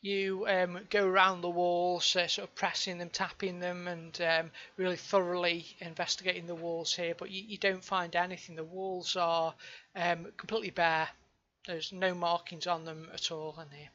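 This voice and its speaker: A woman's voice: on the low side, little pitch movement, normal speed, fairly bright tone, lo-fi sound. A woman running a tabletop game as game master, narrating and explaining in a hesitant, improvised way.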